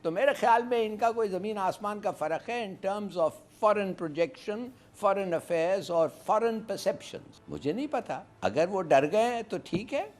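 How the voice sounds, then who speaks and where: A man's voice: high voice, expressive, takes it slowly, few pauses. A man giving opinionated political analysis, slipping English phrases into his speech.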